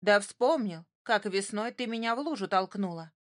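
A woman's voice: mid-range voice, animated, moderate pace, natural voice. A woman voicing a grumpy young boy hedgehog, wise beyond his years, in a children's storybook, speaking in a grumbling, matter-of-fact way.

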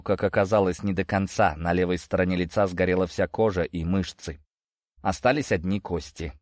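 A man's voice: sits low, no room sound, clean studio sound, lightly acted. A man reading an audiobook, voicing a tired, matter-of-fact young man reporting grim news. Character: weary young man, battle-hardened brother.

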